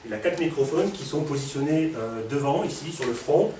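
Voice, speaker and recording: Despite having a cold, a man gives a live technical demo of a robot to an audience in a hall, casual and filler-heavy, questioning the room often. His slightly high voice is warm and lively, and he moves briskly; the room echoes, the mic is distant, and background noise comes through.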